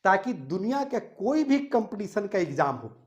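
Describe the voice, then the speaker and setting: A man teaching a grammar class, spelling out sounds one by one, gently scolding pupils and checking after each point that they follow. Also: high-pitched, sing-song, moderate pace, lo-fi sound. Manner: calls students "beta" and checks "any problem?" after each point. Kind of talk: classroom lesson.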